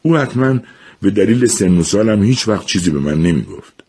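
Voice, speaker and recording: A man reads a story aloud with a low, deep voice and a slightly husky grain. His delivery is measured and reflective, unhurried from line to line. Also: lively intonation, a little mellow. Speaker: narrator. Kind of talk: storybook narration.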